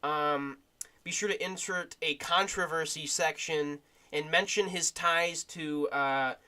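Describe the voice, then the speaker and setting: Bright goofy gaming streamer, man. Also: fairly high pitch, fairly even intonation, takes it slowly. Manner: goofy, rambling, bursts of shouting. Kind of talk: casual gaming commentary.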